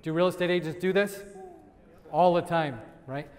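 A man giving a lively sales training talk to a live audience, quizzing the crowd and laughing often. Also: a little high, moderate pace. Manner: energetic, asks the crowd questions and laughs. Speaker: real estate sales trainer. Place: event room with audience. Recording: long hall reverb.

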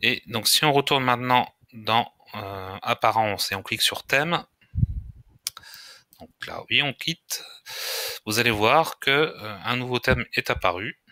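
Man, tutorial host, bright tense tone, dry sound, hesitant, lots of pauses. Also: medium pitch, animated, no room sound. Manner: hesitant, frequent filler pauses. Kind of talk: screen-recorded software tutorial.

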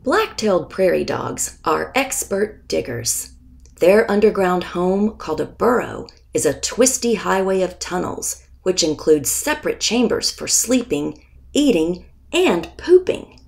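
A woman reads aloud her own children's nonfiction picture book in a fairly low, a little mellow voice with some gravelly creak. Very animated, she reads very slowly and deliberately, bringing expression to the text and pausing before key words.

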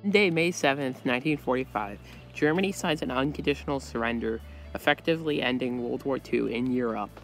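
Teen guy narrating history stuff from a script, lots of vocal fry, soft music behind. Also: mid-range voice, a little fast, poor audio. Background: light background music.

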